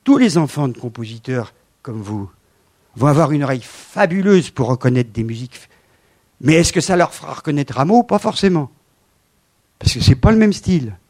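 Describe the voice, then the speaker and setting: Man, 70s, animated lecturer with slides; bursts of emphasis and murmured asides, slightly high-pitched. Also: moderate pace. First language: French. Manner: animated, swings from loud emphasis to quiet asides.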